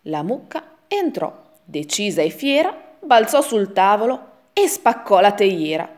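A woman's voice: mid-range voice, unhurried. Sing-song woman reading a rhyming tale. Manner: lively sing-song rhythm. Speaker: storyteller. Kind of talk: rhyming children's story reading.

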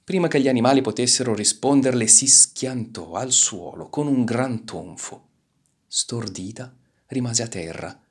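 A man reading a children's storybook aloud with animated, expressive delivery. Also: medium pitch, a little slow, breathy edge. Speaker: narrator.

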